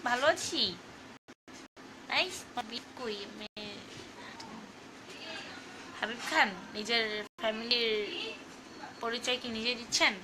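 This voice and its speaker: A woman's voice: on the high side, noisy background. A woman hosting a casual live stream, reading fan comments aloud in a chatty, teasing way and singing snatches of song. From Bangladesh.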